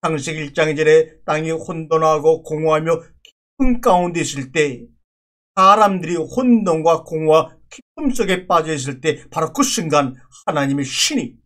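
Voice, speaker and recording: A man with a somewhat high-pitched voice delivers a sermon. He speaks as a pastor, working through scripture in an earnest, teaching way and circling back to repeat key words. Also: a bit bright.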